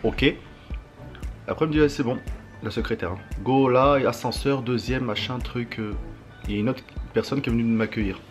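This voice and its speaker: A young man chatting in a casual vlog shortly after having his wisdom teeth out, speaking normally and telling things in slangy, animated bursts with little sound-effect words. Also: mid-range voice, fairly quick, soft background music. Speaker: vlogger.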